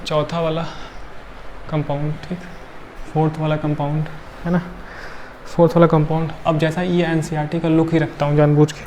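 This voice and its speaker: A tired man teaches chemistry in a fairly high voice. He works step by step, counting aloud and checking in with the class often. A faint hiss sits under the recording. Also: flat delivery, normal speed, mellow. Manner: counts atoms aloud, frequent checking tags. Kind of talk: classroom lecture.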